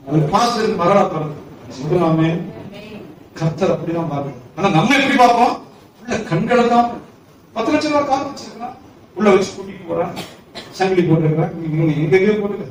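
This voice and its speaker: High-voiced preacher in an echoing hall. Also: male voice, a little hiss or hum. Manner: calls out to the congregation for amens; acts out quick dialogue between people in the story. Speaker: pastor. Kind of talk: sermon. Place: church hall. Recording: very echoey hall, voice from far off.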